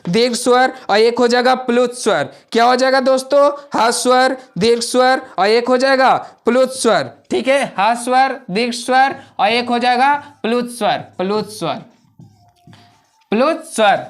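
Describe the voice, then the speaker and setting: A man's voice: very high-pitched, normal speed, hardly any pauses. A man teaching a grammar class, repeating each point and asking the class questions, drawing out vowel sounds as examples. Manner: draws out vowel sounds in demonstration.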